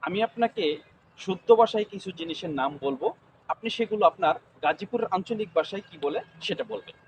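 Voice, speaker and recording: Interviewer, man, high voice, repetitive formal questions. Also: a little fast, vocal fry, slight background noise.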